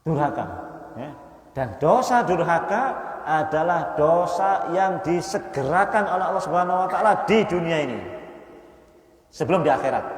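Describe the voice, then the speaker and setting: A man preacher giving a casual mosque study talk, asking the listeners questions and joking with them. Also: on the high side. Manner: conversational, quizzes the audience and jokes. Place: mosque hall. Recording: echoey mosque hall, mic at a distance.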